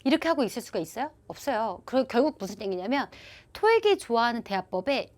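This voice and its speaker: A woman's voice: fairly high pitch, fast talker. A woman teaching an online English listening exam class, explaining answers and acting out example dialogues. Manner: lively, animated explanations with acted-out dialogue examples. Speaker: TOEIC listening instructor. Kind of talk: online exam-prep lecture.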